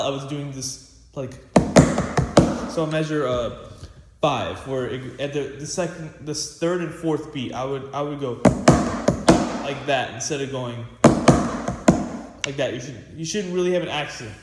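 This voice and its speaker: A man's voice: a little high, normal speed, loud music behind the voice. A teenage boy giving a casual snare drum practice lesson, rambling with lots of fillers and restarts. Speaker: student percussionist. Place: practice room with a drum pad. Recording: echoey room with loud hiss.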